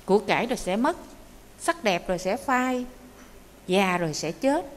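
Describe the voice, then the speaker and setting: Nun telling a dharma story. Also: female voice, mid-range voice, moderate pace. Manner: lively storytelling with rhetorical questions. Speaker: Buddhist nun teacher. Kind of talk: dharma talk. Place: meditation monastery hall. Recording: echoey hall with faint noise.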